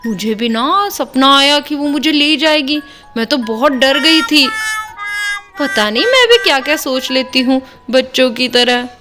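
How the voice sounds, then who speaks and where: A woman voicing a timid young wife in a doll-play story, anxious and shrill when frightened. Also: animated, measured pace, bright, forceful tone, faint music behind, full character voice. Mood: relieved. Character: timid young wife who fears the witch.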